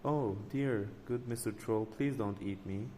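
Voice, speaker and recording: A man playing a little storybook goat, timid and pleading, in a slightly low voice. The room echoes, with faint noise behind. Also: a little slow, dark tone, lightly acted. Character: tiny frightened young male goat.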